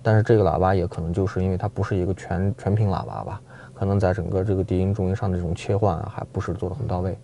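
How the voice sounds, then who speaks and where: A man chatting casually as a car reviewer inside a car, quick and full of fillers. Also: low voice, fairly even intonation, vocal fry, warm tone. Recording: music playing in the background.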